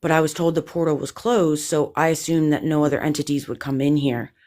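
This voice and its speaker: A woman's voice: sits low, fairly even intonation, a little fast, a little mellow. A woman hosting a live paranormal investigation, sounding exhausted and drained, talking anxiously in rambling restarts. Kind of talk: live-stream chat.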